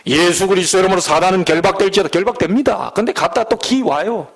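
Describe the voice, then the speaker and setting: A middle-aged man from the Jeolla region preaching a sermon as pastor, folksy, with loud emphatic peaks and low asides. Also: quick pace, gravelly. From Jeolla, Korea.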